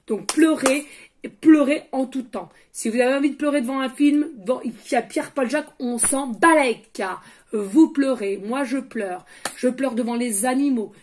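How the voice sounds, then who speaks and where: A woman's voice: high-pitched, normal speed, darkish tone, a little hiss or hum. A woman working as a medium, giving a chatty oracle card reading with frequent asides to her viewers, and dropping to a murmur when she asks the universe for messages.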